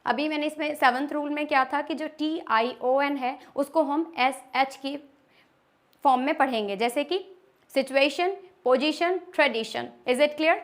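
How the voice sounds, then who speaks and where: A woman teaching English pronunciation rules step by step, reading each rule slowly and often asking whether it is clear. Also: sits high, steady tone. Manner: reads English rules slowly, then explains in Hindi. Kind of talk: classroom-style pronunciation lesson.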